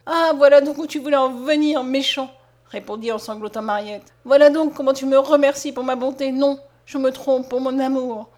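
A woman's voice: high-pitched, flat delivery, moderate pace, darkish tone, lightly acted. A woman reading the part of a devoted nineteen-year-old peasant girl in an audiobook, pleading and tearful. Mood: anguished. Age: young adult.

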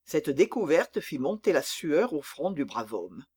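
A narrator giving a steady, expressive scripted reading of a classic novel. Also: mid-range voice, a little slow, slightly rough.

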